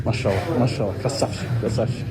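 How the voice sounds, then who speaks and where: A man's voice: lowish voice, fairly even intonation, fast. A man doing casual post-fight interviews in a chummy, encouraging way. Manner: chummy, encouraging, frequently calls people brother. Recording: crowd noise in busy venue. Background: crowd chatter.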